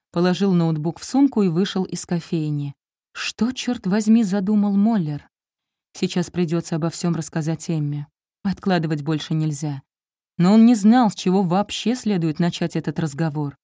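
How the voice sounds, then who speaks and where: Mellow woman reading a novel aloud. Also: fairly low pitch, no echo, studio quality. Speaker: audiobook narrator. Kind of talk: scripted narration.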